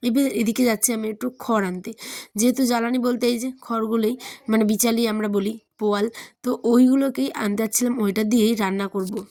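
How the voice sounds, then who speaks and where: A woman's voice: mid-range voice, darkish tone, no room sound, clean studio sound. A young woman from rural West Bengal speaking with a Bengali accent as a lifestyle vlogger, chatting to her viewers with frequent tag questions, partly filmed out in the village fields. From West Bengal, India. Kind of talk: chatty vlog narration.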